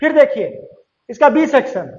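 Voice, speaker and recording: A man with a high voice teaches a class, drawing out each rule slowly and repeating it several times. He keeps turning to his students with questions and then answers them himself. The sound is roomy and a little dull. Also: sing-song, darkish tone. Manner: slow, drawn-out repetition of rules; addresses students directly, asks and answers questions. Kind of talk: classroom-style lesson.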